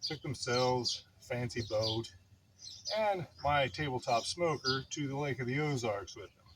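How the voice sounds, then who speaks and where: A man's voice: mid-range voice, measured pace. An older man, a little breathless, tells a personal story in a casual, rambling fireside-chat way with wry, self-deprecating, mock-dramatic delivery. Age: older, grandfather. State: somewhat breathless. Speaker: vlogger telling a personal story. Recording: outdoor noise with chirping birds.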